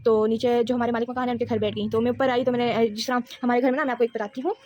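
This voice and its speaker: A woman's voice: fairly high pitch, level tone, very fast, darkish tone, muffled recording. A teenage girl telling a rambling, giggly storytime in a casual vlog. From Pakistan. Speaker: vlogger.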